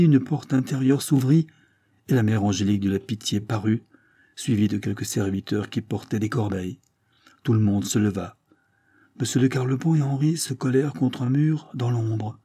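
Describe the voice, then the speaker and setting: A man narrates a classic novel in a steady, even storytelling manner. His voice is dark and mellow with a husky grain. The recording is dry and close. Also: fairly low pitch, dry recording. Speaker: audiobook narrator. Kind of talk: literary audiobook narration.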